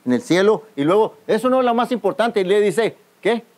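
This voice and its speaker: A man's voice: high-pitched, expressive, a little fast, darkish tone. Fervent preacher man calling for responses. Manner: calls out to the congregation for responses; keeps addressing listeners as brother. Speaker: pastor. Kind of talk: youth camp sermon. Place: outdoor youth camp gathering.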